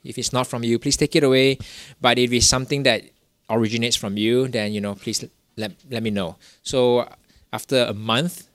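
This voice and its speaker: A man's voice: mid-range voice, fairly even intonation, normal speed, fairly bright tone, no room sound. Young man rambling through a story. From Singapore. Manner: rambling, many "you know" fillers and restarts. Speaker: guest telling his story. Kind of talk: casual testimony.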